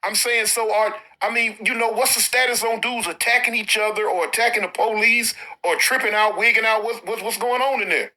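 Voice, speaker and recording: A man with an Alabama Southern accent interviewing in a casual, slangy way, with animated, informal reactions. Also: sits high, a little fast, hardly any pauses. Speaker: interviewer, former inmate.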